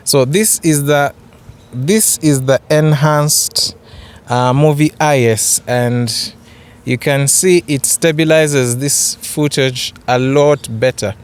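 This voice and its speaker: Young male vlogger, Ugandan accent, clear voice, unhurried casual review delivery with hesitant repeats. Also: a little high. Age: young adult. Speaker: photography vlogger. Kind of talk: casual camera review vlog. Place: open grassy yard outdoors.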